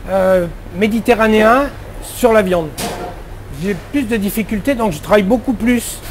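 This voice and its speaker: High-voiced chatty French chef. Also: male voice, a little hiss or hum. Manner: chatty, many fillers and restarts. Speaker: head chef. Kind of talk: casual interview answers.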